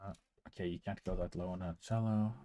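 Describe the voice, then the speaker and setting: Low-voiced Norwegian man musing. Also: fairly even intonation, brisk, dark tone. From Norway. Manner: musing, chuckling self-talk. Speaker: composer. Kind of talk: casual chat while composing.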